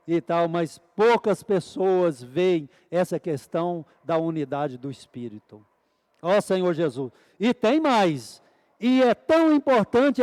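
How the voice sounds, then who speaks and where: Male preacher, high voice, fervent sermon delivery, keeps asking and answering his own questions. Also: darkish tone, big-room sound. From Brazil. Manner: repeated fervent "Ó Senhor Jesus" exclamations; asks the congregation questions and answers them.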